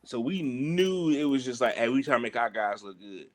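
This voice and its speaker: A man's voice: mid-range voice, lively intonation, moderate pace. A man telling stories casually and animatedly in colloquial speech, acting out the exchanges he quotes. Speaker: pro wrestler telling stories.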